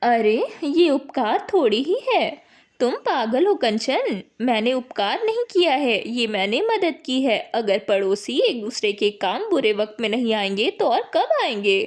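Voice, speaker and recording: A woman's voice: a little high, big pitch swings, measured pace. A woman voicing a kind, caring young woman from a rich family in a cartoon, firm and generous.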